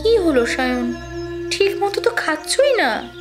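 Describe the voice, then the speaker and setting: A caring, teasing young wife, voiced by a young woman in an audio story. Her light, coaxing talk sits very high with an animated pitch. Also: a little slow, music in the background. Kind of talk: audio drama acting.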